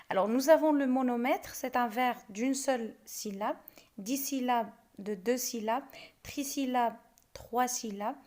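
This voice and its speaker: A young woman teaching a French lesson, explaining step by step and sounding out verse syllable by syllable. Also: a little high. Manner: slow, syllable-by-syllable scansion of verse.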